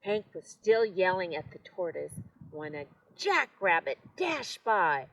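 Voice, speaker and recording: An older woman reads a children's story aloud, gently pausing to talk to her young listeners. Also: lowish voice, very animated. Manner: gentle, unhurried, addressing children.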